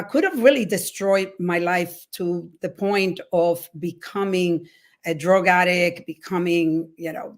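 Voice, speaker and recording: A middle-aged woman, speaking in a somewhat low voice. She is a guest on a talk show, answering questions with gratitude. She talks openly about her past. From Dominican Republic. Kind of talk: interview answers.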